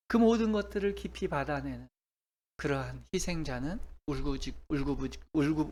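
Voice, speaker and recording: Middle-aged male pastor, emphatic sermon delivery, asks the audience many rhetorical questions. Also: fairly high pitch.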